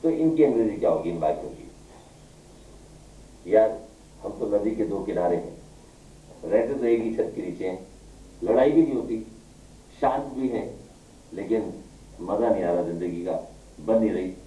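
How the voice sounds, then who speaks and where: Dark-voiced teacher in echoey classroom. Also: male voice, lowish voice, animated, a little slow, pauses often. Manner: questioning, quizzes students, scolds the class. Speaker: English teacher. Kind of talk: classroom lecture in Hindi with English terms. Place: classroom with students. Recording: echoey room, far from mic.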